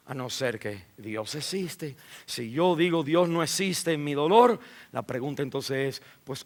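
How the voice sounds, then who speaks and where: A pastor preaches a sermon in church, his voice rising loud and high before dropping low and quiet, with vocal fry. He uses many fillers and repeats words.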